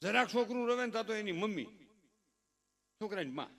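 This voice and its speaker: High-pitched man cracking folksy jokes on a live stage, mimics his relatives. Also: animated, brisk, a bit bright. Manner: mimics family members in exaggerated voices, folksy and teasing. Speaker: folk comedian at a dayro. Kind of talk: live stage comedy storytelling. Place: live stage event with audience.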